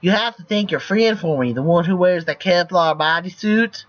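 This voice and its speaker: A man's voice: sits high, moderate pace, fairly bright tone, highs cut off. A man reading the lines of a guarded, playful young male celebrity hero from a text game. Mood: earnest.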